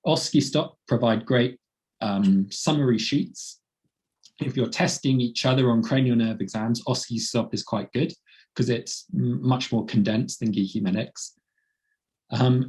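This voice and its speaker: Croaky-voiced man teaching. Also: mid-range voice, a little mellow. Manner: plain explaining, light laughs. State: croaky voice with a cold. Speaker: presenter. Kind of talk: webinar teaching.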